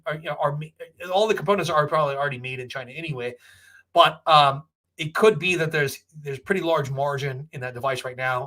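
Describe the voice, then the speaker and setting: A man's voice: a little high, sharp tone. An American man hosting a casual question-and-answer talk, giving opinionated, off-the-cuff explanations and checking in with the listener as he goes. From Texas, United States. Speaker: host answering viewer questions on finance.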